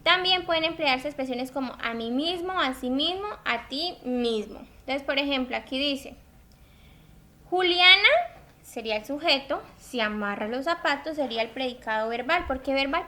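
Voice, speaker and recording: A woman's voice: sits high, expressive, normal speed, pushed and bright. A woman teaching a grammar lesson, patiently explaining with everyday examples and checking in with her students. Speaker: Spanish teacher.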